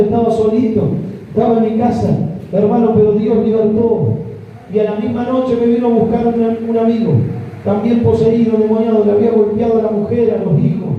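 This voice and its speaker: A man's voice: high voice, mellow, a little hiss or hum. A man with an Argentine accent preaching a fervent sermon to his congregation, calling out to them again and again. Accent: Argentine Spanish. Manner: fervent, repetitive address to the congregation. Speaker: pastor. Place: church hall. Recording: echoey hall from far off, dull.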